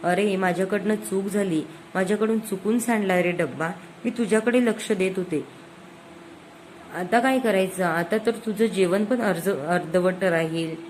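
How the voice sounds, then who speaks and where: A woman's voice: mid-range voice, moderate pace, a little mellow, a little hiss or hum, lightly acted, rough recording. A woman voicing a scheming young wife feigning sweetness in a serial recap, in a plain retelling voice. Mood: fake apology.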